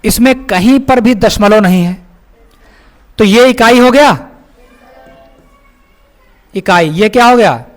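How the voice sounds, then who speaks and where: A man's voice: sits high, slow, pauses often. A male maths teacher explaining a lesson step by step, often asking his pupils questions and calling them child. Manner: asks pupils questions and checks their understanding.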